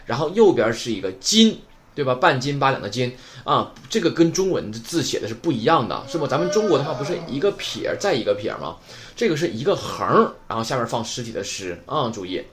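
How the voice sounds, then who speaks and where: A man's voice: mid-range voice, very animated, a little fast, crowd noise. A man from Northeast China teaching a Japanese vocabulary lesson, explaining patiently and asking rhetorical questions as he goes.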